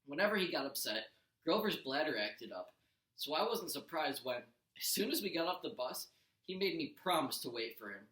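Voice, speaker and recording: With a sing-song lilt and a sharp tone, a man with a fairly high voice reads a story at a moderate pace, like a teacher entertaining a class. The animated children's read-aloud is expressive, includes occasional slips he corrects, and was captured in an echoey space.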